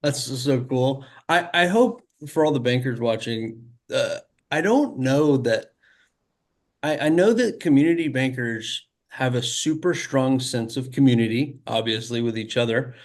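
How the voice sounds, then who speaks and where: Podcast cohost guy, mid voice, earnest and a bit halting. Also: mid-range voice, expressive. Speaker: podcast co-host. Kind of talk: casual conversational chat.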